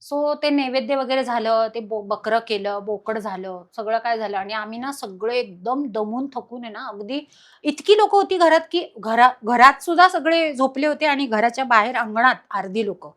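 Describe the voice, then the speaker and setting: A woman guest telling a personal haunting story in an animated, dramatic way. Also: on the high side, moderate pace. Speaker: podcast guest.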